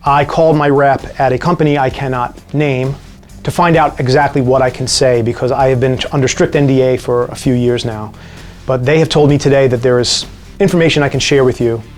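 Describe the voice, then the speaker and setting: Wry man with a New York accent. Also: medium pitch. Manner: relaxed, wry and joking. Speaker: musician answering viewer questions. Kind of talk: casual vlog Q&A.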